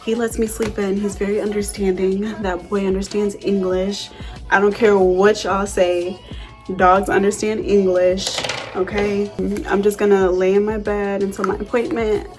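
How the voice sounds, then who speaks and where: A young woman chatting casually through a makeup tutorial, telling animated stories in slang with plenty of swearing. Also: medium pitch, normal speed, faint music behind. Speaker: beauty vlogger.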